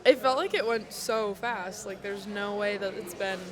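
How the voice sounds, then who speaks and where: A young woman co-hosting a casual podcast chat. Her voice is slightly hoarse, and she laughs often and uses lots of fillers. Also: medium pitch, normal speed, crowd noise. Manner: giggly, filler-heavy. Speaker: podcast co-host. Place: in the US Midwest.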